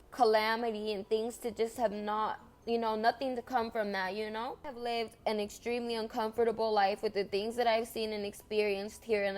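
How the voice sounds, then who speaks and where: A young woman, a native Spanish speaker, delivers an impassioned personal monologue in a medium-pitched voice. She is earnest and repetitive, stressing words emphatically.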